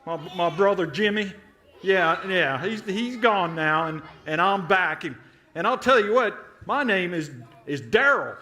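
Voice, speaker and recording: A man's voice: sits high, animated, measured pace, bright, forceful tone, exaggerated voice. A man playing Daryl, a folksy, suspicious treasure hunter in a children's skit, talking in exclamatory country slang. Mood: suspicious, boastful.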